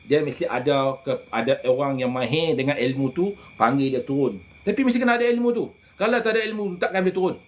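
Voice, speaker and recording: A man, a religious healer telling animated stories in casual chat, often addressing listeners directly. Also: a little high, fast, few pauses, a little hiss or hum.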